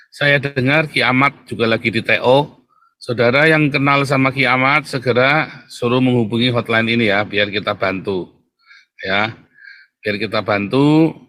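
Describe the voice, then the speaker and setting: Man, solo commentary host, bright clear tone, chatty and emphatic, laughs at own jokes. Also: mid-range voice. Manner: repeats "saudara ya" constantly, chatty and emphatic; laughs at his own remarks. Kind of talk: casual monologue commentary.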